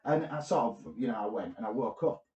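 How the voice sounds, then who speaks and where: Animated man telling a story. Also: lowish voice, brisk, roomy sound, lo-fi sound. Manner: deadpan storytelling with sudden shouted outbursts. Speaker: podcast co-host. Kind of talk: comedic podcast chat.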